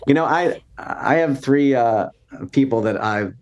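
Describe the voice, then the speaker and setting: A man's voice: medium pitch, measured pace, muffled recording. A man in his fifties, a podcast guest, talking in an earnest, inspirational way in a casual interview. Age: 50s.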